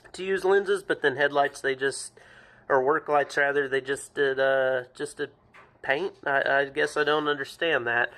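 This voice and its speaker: Bright-voiced man reviewing farm toys. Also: mid-range voice. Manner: plain-spoken, thinks aloud with many ums and self-corrections. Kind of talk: casual show-and-tell review.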